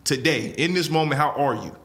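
A man hosting a podcast, talking in a relaxed, casual way and often tossing in filler phrases while he speaks. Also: a little high, brisk. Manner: laid-back, repeats "man" and "you know what I'm saying". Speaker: podcast host.

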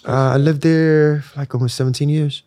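A young man from Nigeria, a musician talking in a relaxed, reflective way with lots of fillers during an interview. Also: fairly high pitch, a little fast, no room sound, studio quality. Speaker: musician guest. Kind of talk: casual interview talk.

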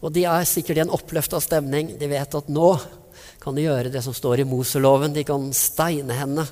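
Male preacher, slightly high voice, vivid storyteller, long hall reverb. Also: fairly even intonation, a little mellow. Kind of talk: sermon.

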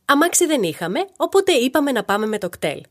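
Woman, podcast host, comedic storytelling, playful, higher pitch. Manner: playful, animated, talks straight to the listener.

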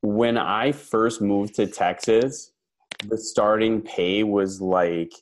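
A man from Wisconsin, a teacher and coach, hosting a casual podcast interview in a relaxed, friendly way. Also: lowish voice, slow pace, slight background noise. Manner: relaxed, friendly, lots of fillers.

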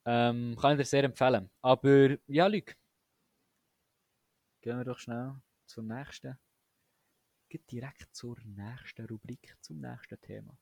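A young man chats with lots of enthusiasm and slang, often breaking off and restarting. His voice sits at a middle pitch. The recording is dry and close, with no room sound. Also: fairly even intonation, a little slow, vocal fry, pauses often, darkish tone, no room sound. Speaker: podcast co-host. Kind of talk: casual chat.

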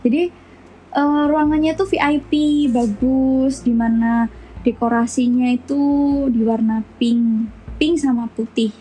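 A woman's voice: fairly high pitch, fairly even intonation, unhurried, dark tone, slightly rough. A young woman, telling a story animatedly as co-host of a casual chat. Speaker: podcast co-host.

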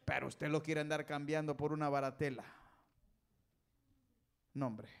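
A male preacher giving a folksy sermon, teasing and calling out questions to the congregation, swinging between loud and soft. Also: fairly high pitch, steady tone, unhurried, smooth.

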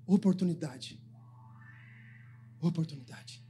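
A man's voice: fairly high pitch, takes it slowly, warm tone, soft background music. A man preaching a sermon as pastor, giving the congregation commands to repeat after him. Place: church.

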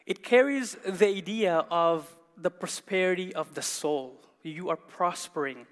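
A man's voice: high voice, a little slow, big-room sound. A male pastor preaching a sermon to his congregation, emphatic, repeating key words and putting questions to the listeners. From Canada. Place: church hall.

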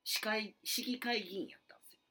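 Kansai guy telling a creepy story, husky bright voice, acts out the lines, whispers bits. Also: high voice, quick pace. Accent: Kansai Japanese. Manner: animated storyteller acting out quotes, drops to whispers. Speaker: radio show co-host. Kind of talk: casual chat, telling a ghost story.

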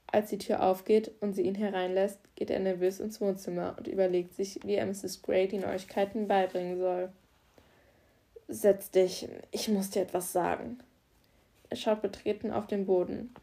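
A woman narrating a German crime story calmly and evenly as an audiobook reader. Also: mid-range voice, normal speed, few pauses. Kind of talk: scripted narration.

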